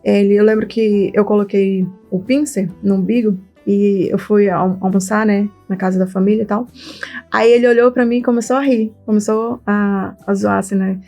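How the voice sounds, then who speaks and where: A woman's voice: medium pitch, normal speed, soft background music. A Brazilian woman co-hosting a podcast for mothers, talking casually and acting out family dialogue as she tells stories. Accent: Brazilian Portuguese. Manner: animated storytelling, acts out dialogue. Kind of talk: casual chat.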